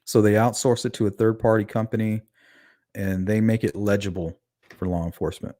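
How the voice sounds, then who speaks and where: Speaking a little fast in a fairly low, warm voice with a level tone, a man with a lisp hosts a casual true-crime livestream. He talks conversationally, reads the chat aloud and asks his audience questions. The recording is dry and studio quality.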